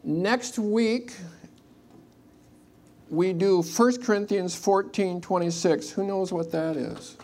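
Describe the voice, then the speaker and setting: Church service leader, middle pitch, slow delivery, informal announcements and prayer, faint room noise behind. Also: darkish tone. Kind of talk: announcements and spoken prayer to a congregation.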